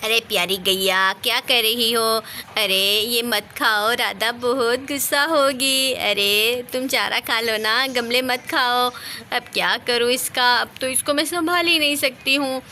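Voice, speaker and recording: A woman's voice: fairly high pitch, fairly even intonation, measured pace, bright, forceful tone, a little hiss or hum. A woman voicing a fussy, tea-loving village woman in a doll storybook, exclaiming often. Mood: fretful.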